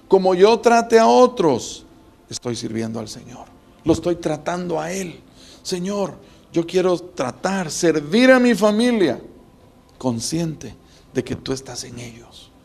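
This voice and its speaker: A man's voice: sits high, vocal fry, a little mellow. A man preaching a sermon as pastor, building emphasis with rhetorical questions.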